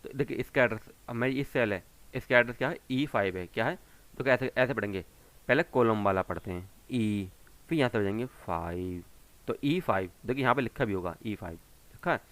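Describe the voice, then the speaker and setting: A man's voice: mid-range voice, fairly quick, fairly bright tone. A man teaching a computer class to children, patiently walking through each step and answering his own questions as he goes. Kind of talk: screen-recorded tutorial explanation.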